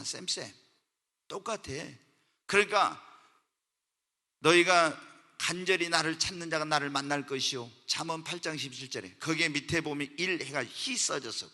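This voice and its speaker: A pastor preaching a sermon to his congregation. He asks the congregation questions and answers them himself, moving from quiet asides to loud, emotional appeals. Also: on the high side. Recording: church hall reverb.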